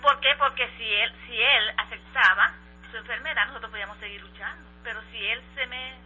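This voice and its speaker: A middle-aged woman from Colombia recounts her life in a halting, emotional testimony, repeating and restarting her words. Her voice is bright and forceful. It comes through a slightly muffled radio recording with soft music underneath. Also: fairly high pitch, slightly rough. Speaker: interviewee.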